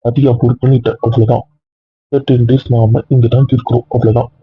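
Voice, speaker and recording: A man playing a headstrong young husband in an amateur audio drama, insistent and protective, with a husky voice. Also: mid-range voice, fast. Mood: firm. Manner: insistent, keeps ending points with a flat final word. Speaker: husband character. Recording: tinny phone-like dry recording.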